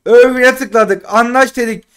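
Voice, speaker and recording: High-voiced man pleading over game packs. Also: fairly even intonation, moderate pace, smooth. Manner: frustrated pleading and grumbling, swings between loud and muttered. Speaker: gaming streamer. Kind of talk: casual live commentary while opening game packs.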